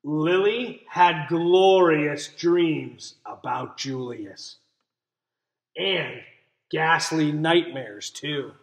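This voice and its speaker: A young man reading a children's picture book aloud as a teacher, expressively, pausing to explain and ask questions. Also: a little high, gravelly. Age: young adult. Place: small indoor room. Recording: roomy, echoey room sound.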